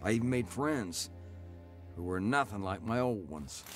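In this scripted radio drama, the lead actor narrates as a hardened convict recounting his life, with music underneath. His voice sits on the low side, with lively intonation, a measured pace and a wry, hard mood.

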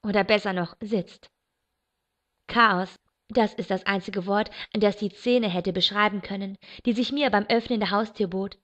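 A woman reading a novel aloud in first person, steady and expressive. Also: mid-range voice, a little slow. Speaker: audiobook reader. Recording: dull lo-fi recording.

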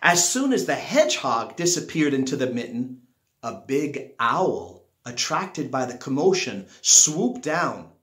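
A man's voice: medium pitch, very animated, measured pace, fairly bright tone. A middle-aged man reading a children's picture book aloud at home, stressing and drawing out key words as a storyteller. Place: small living room at home, indoors. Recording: roomy, echoey home recording.

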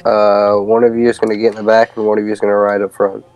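A man playing a stern, unamused police officer, curt and deadpan, in an improvised video game role-play. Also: fairly low pitch, quick pace, soft background music, close to an everyday voice, rough recording.

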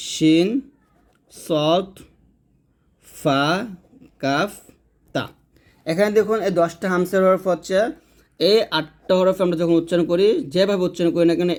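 A man's voice: a little high, a little mellow. A man teaching Quran reading step by step, repeating each letter and answering his own questions. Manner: repetitive, asks questions and answers them himself. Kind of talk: step-by-step recitation lesson.

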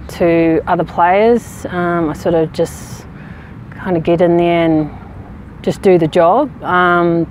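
A woman in her thirties from New Zealand, a rugby player answering interview questions outdoors in a frank, relaxed way with many fillers. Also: lowish voice, slight background noise. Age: 30s. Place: outdoors on a sports field. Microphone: camera at medium distance.

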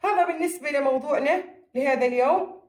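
A woman's voice: high-pitched, fast talker, darkish tone. A woman teacher with a Jordanian accent giving a recorded lesson to children, repeating key phrases and answering her own questions. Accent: Jordanian Arabic. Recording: echoey room.

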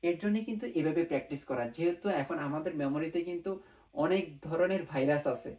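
A man's voice: a little high, fast talker, darkish tone, rough recording. A man teaching a beginner language lesson, narrating his writing stroke by stroke and often asking and answering his own questions. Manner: mixes English words into Bengali.

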